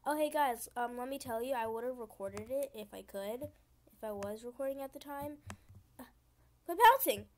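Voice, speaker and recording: A woman's voice: on the high side, normal speed, darkish tone. A young woman YouTuber talking casually while playing a computer game, chatty and easily frustrated. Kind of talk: gaming commentary.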